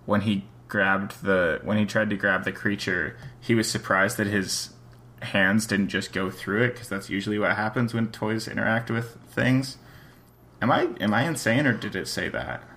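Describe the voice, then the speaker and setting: A man's voice: lowish voice, normal speed, bright, forceful tone, a little hiss or hum. A man co-hosting a casual chat, reading a story aloud and talking it over in a rambling, self-questioning way.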